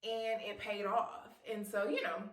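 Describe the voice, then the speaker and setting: A woman's voice: medium pitch, fairly even intonation, a little slow, distant mic. Chatty woman vlogging in an echoey room. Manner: chatty and encouraging, calls the viewer "girl"; warm and emotional, laughs at herself. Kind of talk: heartfelt casual talk to camera.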